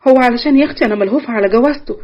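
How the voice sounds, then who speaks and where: A woman voicing an excitable older Egyptian mother, desperate to marry off her son, who talks in shrill, breathless bursts. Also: racing, highs cut off, natural voice. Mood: incredulous.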